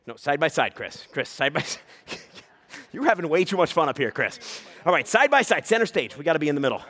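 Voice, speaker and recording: Man, comedian onstage, high lively voice, teasing banter, crowd hype. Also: fairly quick. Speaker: comedian and juggler. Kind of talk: live stand-up juggling act with a volunteer. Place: live stage before an audience.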